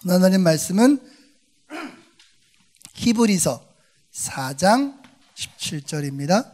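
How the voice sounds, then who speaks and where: A man preaching a sermon as pastor, lively, acting out short quoted lines in between. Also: high voice, takes it slowly. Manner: animated, acting out quoted voices.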